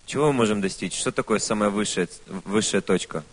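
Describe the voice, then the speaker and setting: Fast low-voiced male interpreter. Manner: quick, with restarts. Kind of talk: consecutive interpreting.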